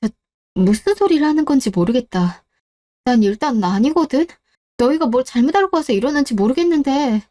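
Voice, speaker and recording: A woman's voice: high-pitched, lively intonation, a little fast, warm tone, dry recording, studio quality. Woman doing a timid girl with babyish voice. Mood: defensive. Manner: pleading, defensive. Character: timid teenage schoolgirl with a babyish voice.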